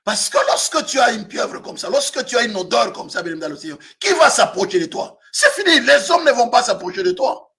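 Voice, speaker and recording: A man in his fifties, a pastor from Africa, preaching a sermon with frequent shouted emphasis. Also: extremely high pitch, sing-song, a little fast, vocal fry. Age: 50s.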